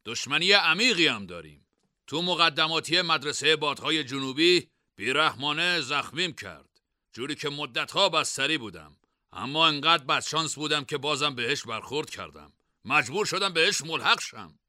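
A man's voice: fairly high pitch, animated, bright, forceful tone, no room sound, studio quality, voice pushed up. A man voicing a sly, scheming young male student in a storybook reading.

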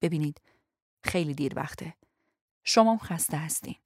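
A woman reading the lines of a tired, polite male ship security officer in an audiobook, calm, firm and courteous. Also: deep voice, no echo, clean studio sound. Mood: weary, patient.

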